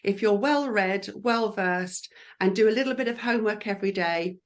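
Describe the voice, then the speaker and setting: A woman talks about her work as a lip speaker. She is upbeat and encouraging, and she scatters "um" and "you know" through her speech. Her pitch sits at an ordinary middle level for a woman. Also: moderate pace. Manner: chatty and encouraging, with frequent fillers. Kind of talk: careers advice interview.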